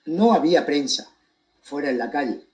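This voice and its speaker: A man with a slightly high voice and a Spanish accent from Spain addresses his audience in a monologue. He is deliberate and emphatic, setting key phrases apart with pointed pauses. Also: expressive, rough recording. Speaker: commentator giving his account of a court case.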